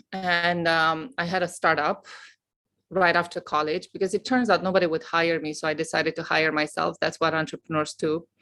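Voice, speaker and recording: A woman's voice: fairly low pitch, a bit bright. A middle-aged woman from Romania, a professor, telling her story as a guest in an outgoing, boisterous way. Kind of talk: casual interview chat.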